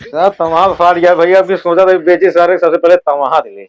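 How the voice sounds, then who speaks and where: A man's voice: sits high, fairly quick, natural voice. A man with an Awadhi accent playing a rambling, shameless town drunk husband in a village comedy sketch. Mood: pleading, tipsy. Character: shameless drunkard village husband selling his in-laws' buffalo. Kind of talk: rural comedy sketch acting.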